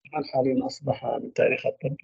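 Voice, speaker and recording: Man, lecturer, halting delivery, gravelly fry, dry close sound. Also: mid-range voice, level tone, warm tone, dry recording. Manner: halting, trails off mid-phrase into drawn-out fillers. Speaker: medical lecturer. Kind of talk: university radiology lecture. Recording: dull lo-fi dry recording.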